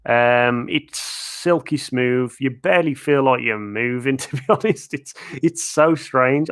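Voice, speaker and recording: A man with a medium-pitched, fairly bright voice hosts a casual theme park live-stream Q&A from home in his living room. As a video creator on the subject, he rambles chattily, peppered with fillers and chuckles, while his voice gradually gives out.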